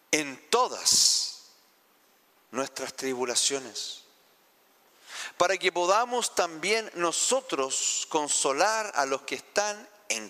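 A Chilean pastor preaching a heartfelt sermon, asking the congregation questions. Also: male voice, on the high side, sharp tone, long reverb tail. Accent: Chilean Spanish. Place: church sanctuary.

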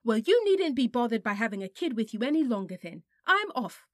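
Quick-tempered young girl, pitched high, indignant, voiced by a woman reader, storybook. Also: very animated, dry recording, studio quality. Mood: furious. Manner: indignant, sharp and emphatic.

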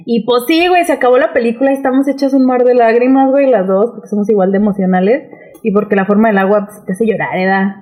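A woman with a Mexican accent, co-hosting a casual chat, telling a story in a lively, slangy way. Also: a little high, quick pace. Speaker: podcast co-host.

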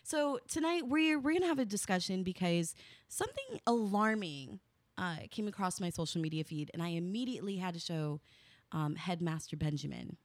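A woman's voice: on the low side, expressive, normal speed, dry recording. A woman co-hosting a podcast in casual chat, chatty and self-deprecating, laughing often. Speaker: podcast co-host.

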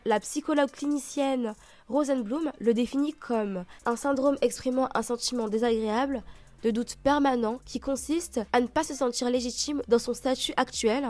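A woman's voice: a little high, moderate pace, no echo. A woman hosting a personal podcast in monologue, answering questions, with a lisp that makes her s sound slushy. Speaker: podcast host. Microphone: own microphone with homemade pop filter.

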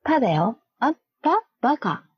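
A woman's voice: fairly high pitch, big pitch swings, normal speed, husky, no echo. A woman chatting casually with a friend, playfully sounding out made-up syllables and giggling often. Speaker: co-host. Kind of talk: casual chat. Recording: dull lo-fi dry recording.

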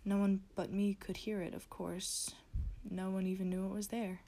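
A woman reading a horror story as a frightened diary writer, in a hushed, whispering narration. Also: medium pitch, flat delivery, moderate pace, natural voice. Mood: fearful. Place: closet.

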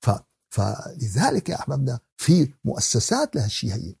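A man's voice: medium pitch, huge pitch swings, a little fast, gravelly, mellow, husky, dry recording, clean studio sound. A man with a Syrian Arabic accent giving a conversational Quran lesson, asking rhetorical questions and repeating key words as a preacher. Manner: conversational, with everyday examples and acted exchanges. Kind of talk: religious lesson on Quran exegesis, mixing classical recitation with colloquial talk.

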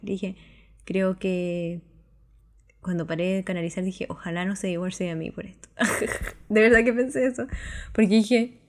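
A woman's voice: lowish voice, a little mellow. A woman chatting casually about her experiences as a channeler, rambling with frequent laughs and restarts. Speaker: spiritual channeler. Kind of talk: casual personal chat.

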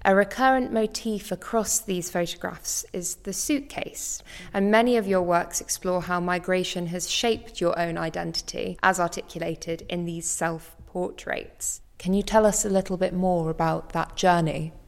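Articulate woman host with a lowish voice. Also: steady tone, creaky. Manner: measured, articulate. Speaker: podcast host and interviewer. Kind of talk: scripted narration and interview questions.

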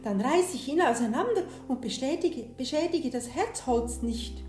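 A woman voicing a clever young shepherd boy who talks high and eager, in a roomy space with soft guitar behind. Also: expressive, normal speed. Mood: explaining.

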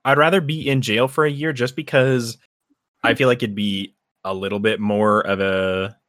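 A man's voice: medium pitch, steady tone, moderate pace, fairly bright tone, dry recording. Rambling young man, dry close sound. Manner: rambling, teasing. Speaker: friend in a group chat. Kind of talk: casual banter.

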